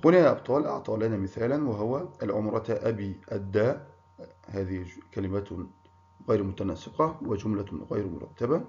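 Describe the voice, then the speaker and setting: A man's voice: lowish voice, darkish tone. A man teaching a primary school grammar lesson, encouraging pupils and praising them by name. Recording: muffled lo-fi recording.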